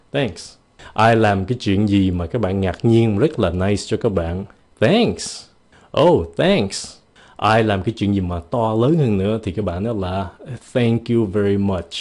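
A young man from Vietnam gives a relaxed video lesson on polite English. His voice sits low and sounds mellow and warm. He talks playfully and models phrases with varied intonation. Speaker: English teacher.

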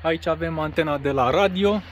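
Filming on his phone, a Romanian caravan seller casually shows off his caravan on a grassy lot outdoors, walking around it. He talks plainly and matter-of-factly, with a few fillers and pauses, in a fairly high-pitched voice. Background noise is present.

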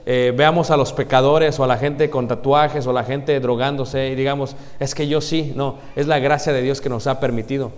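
A man preaching a sermon to a congregation, often pausing on rhetorical questions he answers himself. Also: mid-range voice. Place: church congregation. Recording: long church hall reverb.

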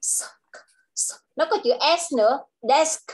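Woman, Vietnamese accent, English tutor, high voice, slow drawn-out model phrases, video call. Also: darkish tone. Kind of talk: online English lesson for a child.

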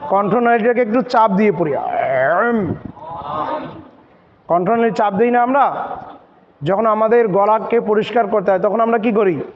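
High-pitched man, patient recitation teacher, reverberant hall, dull lo-fi sound. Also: brisk, slight background noise. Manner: drills letters and syllables, asks questions then answers them. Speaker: Quran teacher. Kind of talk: step-by-step recitation lesson.

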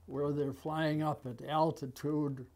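Very slow, elderly American man. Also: on the high side, little pitch movement, a little mellow. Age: 90s. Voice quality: aged voice. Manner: halting, with long pauses. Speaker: war veteran being interviewed. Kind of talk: conversational reminiscence. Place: small office, indoors. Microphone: lapel mic.

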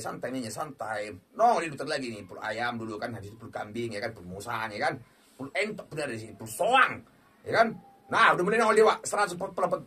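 A man commentating his own slot game play, excitable, muttering one moment and shouting and cursing at the game the next. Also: mid-range voice, a little hiss or hum. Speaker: online slot game streamer. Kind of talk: excited live gameplay commentary.

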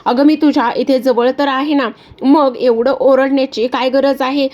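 A woman's voice: sits high, fairly even intonation, normal speed, darkish tone, lightly acted. A woman reading the lines of a scheming young woman who means to seize a family's wealth, in a defiant, mocking way.

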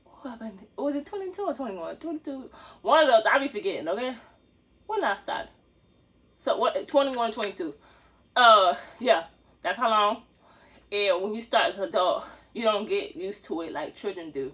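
A woman in her 20s, a dance vlogger, stretches in a small room and talks casually to a phone on the floor, joking, laughing often, and using slang. She speaks expressively at a moderate pace in a medium-pitched, slightly bright voice.

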